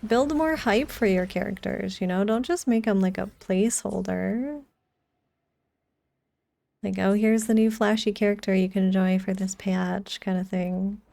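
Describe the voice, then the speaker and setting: A woman game streamer chats in a soft, mellow, easygoing way, like informal livestream commentary. Her mid-range voice is creaky, fairly even and unhurried, recorded close and dry with no echo.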